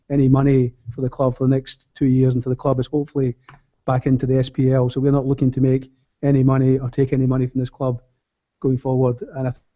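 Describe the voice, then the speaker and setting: A man's voice: medium pitch, mellow. A man giving an earnest, emphatic, unscripted speech to a public meeting, repeating phrases for weight. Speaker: board candidate and campaigner addressing fans. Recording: dull, lo-fi meeting recording.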